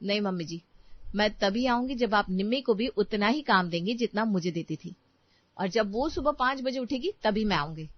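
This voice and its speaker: A woman's voice: mid-range voice, lively intonation, normal speed, no echo, dull audio, natural voice. A woman voicing a resentful young daughter-in-law who speaks in a bitter, accusing way.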